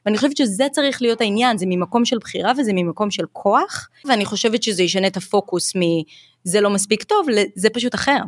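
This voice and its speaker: An Israeli woman who teaches English and runs a YouTube channel speaks as a podcast guest, candid and thoughtful, slipping English phrases into her speech. Her voice is mid-range, she barely pauses, and the recording is dry.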